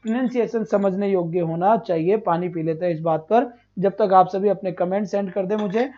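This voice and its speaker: A man teaching online exam prep asks questions and answers them himself, going over each point again and praising his students as his children. He speaks fairly quickly in a high, slightly mellow voice, with the highs cut off in the audio.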